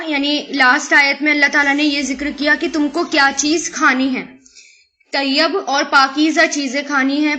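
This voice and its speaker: A woman teaching a Quran lesson. She takes one Arabic word at a time and explains it slowly in Urdu, mixes in English words, and poses rhetorical questions. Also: high voice, pushed and bright. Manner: asks rhetorical questions to the listener.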